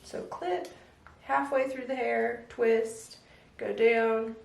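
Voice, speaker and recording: Chatty young mom with a gravelly edge. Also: female voice, fairly high pitch, slow. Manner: chatty, relaxed, step-by-step how-to with lots of "like". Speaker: stay-at-home mom vlogger. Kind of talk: casual get-ready-with-me vlog chat. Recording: echoey room, voice a bit distant.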